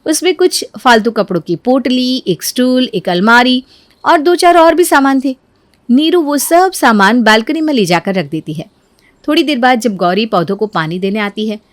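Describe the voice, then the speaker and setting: A woman narrating a family drama storybook in a steady scripted manner. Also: fairly high pitch, dry recording.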